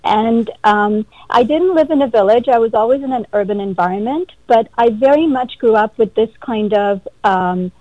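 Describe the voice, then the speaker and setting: A woman who grew up in India, a guest calling in, speaking in an earnest, measured way. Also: on the high side, mellow, no room sound. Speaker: guest, executive director. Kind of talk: casual interview over a call. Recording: dull phone-call audio.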